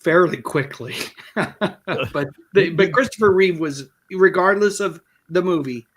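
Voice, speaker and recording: A man's voice: high-pitched, a little slow, a bit bright, slightly rough. A man co-hosting a casual panel chat, talking chattily and reading out viewer comments. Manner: chatty, reads out super chats, hesitant restarts. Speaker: podcast co-host.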